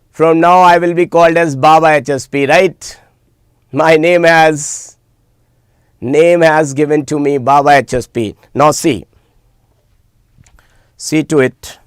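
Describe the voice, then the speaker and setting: A man's voice: on the high side, smooth, no room sound, clean studio sound. A man with an Indian accent chatting informally with students as an online teacher, emphatically repeating words and phrases. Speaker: online teacher hosting a live class. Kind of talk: informal live-stream chat with students.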